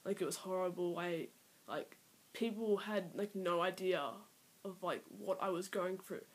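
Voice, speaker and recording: Speaking unhurriedly with fairly even intonation, a lowish-voiced nineteen-year-old Australian vlogger nervously addresses her camera for the first time. She rambles, leans on fillers and sometimes slips into a near-whisper; the iPad built-in mic makes for a rough recording.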